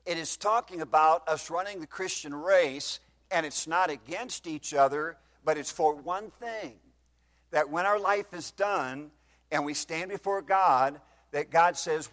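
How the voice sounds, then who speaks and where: This is a sermon by a man in his fifties, his voice on the high side and a bit bright, picked up by a microphone in a slightly echoey church hall. He reads scripture in King James wording and questions the congregation.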